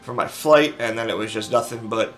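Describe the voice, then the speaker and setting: A man's voice: fairly low pitch, brisk, fairly bright tone. A man talking to camera in a casual vlog recap, rambling with many ums and restarts, sleep deprived. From Arizona, US. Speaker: gaming video creator.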